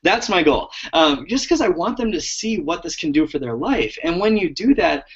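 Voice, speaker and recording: A man coaching his sales team on a group call, talking earnestly and energetically in quick bursts with frequent restarts. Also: fairly high pitch, animated, slightly rough, lo-fi sound. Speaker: network marketing coach giving a team call talk. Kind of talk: motivational team call talk.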